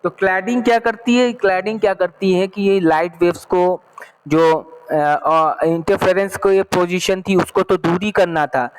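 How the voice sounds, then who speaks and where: High-voiced male teacher explaining slowly. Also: smooth, poor audio. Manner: explains slowly, reads English text then repeats in Hindi; checks understanding often. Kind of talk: online class lesson.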